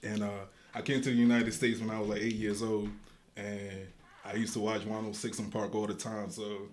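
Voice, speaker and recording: A little hiss or hum accompanies this young Guatemalan man, a guest rapper speaking casually in an interview. His voice is lowish with little pitch movement at normal speed, and his relaxed slang is full of restarts and filler words.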